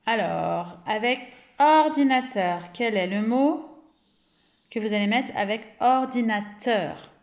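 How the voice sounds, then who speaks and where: A woman with a French accent teaches small children over a recording, drawing out every syllable at a very unhurried pace. She praises often and sounds like she is in a roomy, echoing space. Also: fairly high pitch, a little mellow. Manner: slow, deliberate, stretches out words and syllables. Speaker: kindergarten teacher. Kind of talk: remote phonics lesson for young children.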